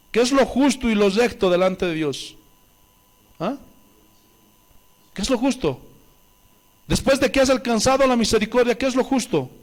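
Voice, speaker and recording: A male pastor, preaching a sermon with emphatic rhetorical questions and reading scripture aloud. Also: very high voice. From Bolivia.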